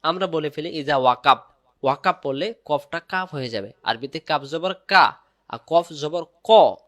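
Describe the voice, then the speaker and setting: A man teaching Quran recitation step by step, drilling syllables slowly and repeating words loudly for emphasis. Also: a little high, expressive, dry recording.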